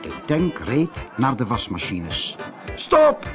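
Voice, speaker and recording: Man, storybook narrator, animated, wide-ranging pitch, faint music. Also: unhurried. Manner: expressive, animated reading.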